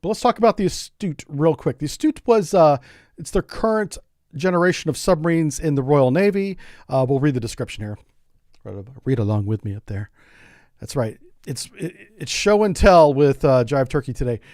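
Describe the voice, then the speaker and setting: Middle-aged man from the US, game streamer, higher-pitched voice, dry close sound, rambling jokey delivery. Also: animated, moderate pace, darkish tone, no room sound. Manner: joking, rambling, repeats words. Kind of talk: casual gameplay commentary.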